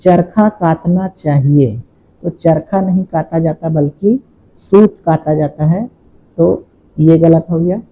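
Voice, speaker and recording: A man's voice: fairly high pitch, takes it slowly, highs cut off, slight background noise. A man teaching as an exam coaching teacher, working through multiple-choice questions step by step and repeating the key points. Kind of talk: exam question walkthrough lesson.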